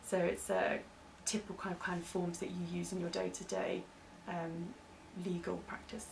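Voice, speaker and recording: This British woman speaks at normal speed with a flat, creaky, lowish voice, giving hedged, informal explanations peppered with "kind of." She is the interviewee explaining legal terms for staff training, recorded from a distance with faint noise behind her.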